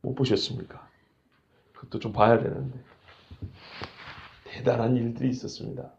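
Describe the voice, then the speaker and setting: A male pastor preaching an expository sermon, acting out quoted lines with sudden shouts. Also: medium pitch, level tone, normal speed, gravelly, dull audio, a little hiss or hum.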